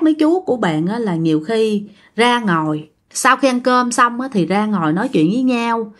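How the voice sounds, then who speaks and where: Chatting directly with her listeners, a woman with a Southern Vietnamese accent casually tells a ghost story in a mid-range voice.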